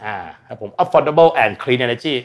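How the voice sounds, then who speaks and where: A man's voice: medium pitch, slow pace, highs cut off. Blunt, slangy Thai man explaining. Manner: blunt, slangy and animated, acts out quoted voices. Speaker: guest expert on energy and climate. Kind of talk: casual explanatory talk.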